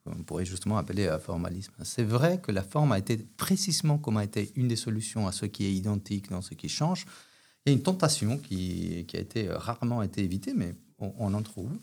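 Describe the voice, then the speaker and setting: A man from Argentina speaks French with a clear Argentine Spanish accent. His voice sits slightly low with a gravelly, fry-tinged texture. He reasons through abstract ideas in a hesitant interview manner, full of fillers and restarts. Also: animated, brisk, a little mellow. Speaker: philosophy guest. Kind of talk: academic interview.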